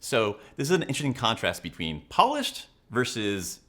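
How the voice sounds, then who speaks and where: A man's voice: medium pitch, wildly swooping pitch, normal speed, a bit bright. A man presenting analytical commentary to viewers as a coach, with an emphatic, instructional way of talking. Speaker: body language and leadership coach, video host.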